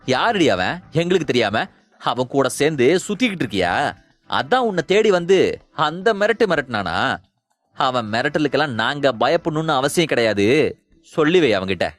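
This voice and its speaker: A man voicing a greedy, defiant middle-aged father who speaks gruffly. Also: fairly high pitch, very animated, normal speed, a bit bright. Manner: gruff, threatening.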